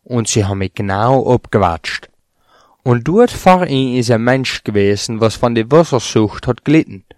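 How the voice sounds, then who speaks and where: A man reading a Bible chapter aloud in a steady, plain voice, lifting slightly on quoted speech. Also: mid-range voice, normal speed, no echo, studio quality. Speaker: scripture reader.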